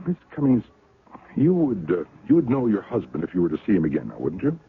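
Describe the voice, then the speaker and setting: In a 1970s radio drama, an actor plays a genial, smooth, evasive older spymaster who heads a secret intelligence operation, speaking unhurriedly with many hums and hesitations in a persuasive mood. The heavily acted voice is on the low side, husky and very animated. The broadcast sounds tinny and lo-fi.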